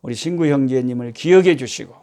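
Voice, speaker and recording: A middle-aged man, a missionary, teaching a Bible devotional from a home, swinging from raised scripture readings to quiet asides. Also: quick pace. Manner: animated, rising for scripture quotes and dropping to a low aside. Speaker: missionary preacher. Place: a church member's home.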